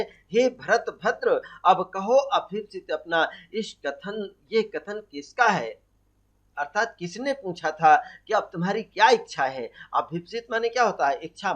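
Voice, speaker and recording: A man's voice: a little high, fairly bright tone. A man teaching a Hindi poetry lesson for exam prep, quizzing students and answering his own questions. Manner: asks questions and answers them himself; recites verse slowly. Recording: dull lo-fi audio.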